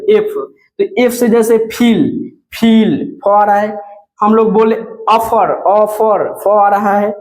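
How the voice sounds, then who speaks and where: A man with a high voice teaches English letter sounds to beginners. He talks slowly and patiently, saying each example word two or three times. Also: low-quality recording. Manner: slow, repeats example words several times. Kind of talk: classroom lesson on letter sounds.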